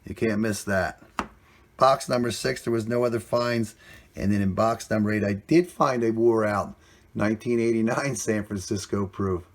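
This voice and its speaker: A man's voice: on the low side, moderate pace. A man hosting a coin roll hunting vlog, talking casually and plainly, cheerful about each find, recorded indoors on a camera mic. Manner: chatty, plainspoken, upbeat about finds.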